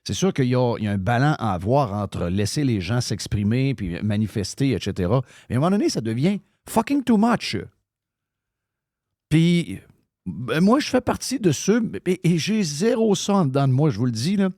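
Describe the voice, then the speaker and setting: A man's voice: mid-range voice, sing-song, moderate pace, darkish tone, no room sound, studio quality. A man with a Québécois accent, hosting live radio talk in a heated, ranting way, swearing freely. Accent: Québécois French. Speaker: radio show host.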